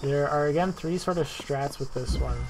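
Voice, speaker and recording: A man casually narrating a speedrun tutorial over gameplay, relaxed and self-deprecating, with many fillers and repeated words. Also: a little high, normal speed, noisy background. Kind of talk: casual gameplay walkthrough commentary.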